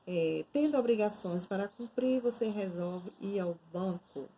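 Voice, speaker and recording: A woman, a nun giving a devotional, telling a story in a slow, dramatic second-person way. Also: medium pitch, dark tone, a little hiss or hum, low-quality recording.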